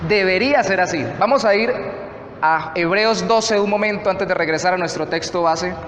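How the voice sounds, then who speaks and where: A man with a Colombian Spanish accent, a pastor preaching a sermon, reading scripture slowly and deliberately. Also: sits high, a bit bright, slight background noise. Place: church hall. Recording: echoey church hall, faint ambience.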